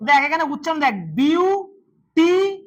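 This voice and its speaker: A man's voice: very high voice, normal speed, bright, forceful tone, highs cut off. A man teaching English grammar to a class, repeating words and quizzing his students as he goes. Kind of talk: classroom lesson.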